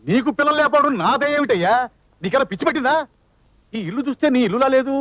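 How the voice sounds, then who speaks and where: A man's voice: extremely high pitch, expressive, rapid-fire, a bit bright, no echo, dull audio. An actor playing an irate boss who scolds and mocks his employee sarcastically in a comic film scene. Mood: exasperated.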